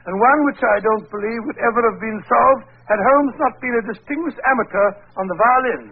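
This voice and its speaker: An older English doctor in an old radio play, genial, bluff and easily flustered. His voice is pitched high and husky, heard through a very narrow, tinny 1940s broadcast recording. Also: full character voice. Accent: British. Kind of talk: 1940s radio drama acting.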